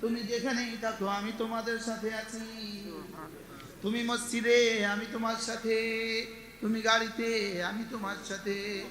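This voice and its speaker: A male preacher gives an Islamic sermon in an echoey hall with long reverb, chanting Arabic verses and calling out questions for the congregation to answer. His high-pitched voice is a bit bright, with flat, unhurried delivery and frequent pauses.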